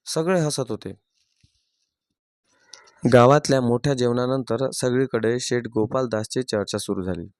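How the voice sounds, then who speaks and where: A male storyteller reads a moral story aloud in a steady, plain delivery. His voice sits at an ordinary middle pitch. The recording is dry and close, with no room echo. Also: a little slow, pauses often. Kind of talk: scripted story narration.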